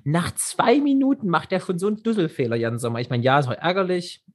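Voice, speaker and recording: A man co-hosting a casual football podcast, excitable, swearing casually and restarting his sentences often. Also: a little high, fast talker. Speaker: podcast co-host.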